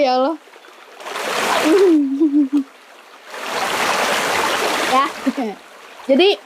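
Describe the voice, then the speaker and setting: A young woman with a high voice and a Sundanese lilt talks the listener through a lesson in a loose, playful way. She giggles often and keeps dropping in pious exclamations. A faint hiss of background noise sits under her voice. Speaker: manifestation coach. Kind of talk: casual teaching talk.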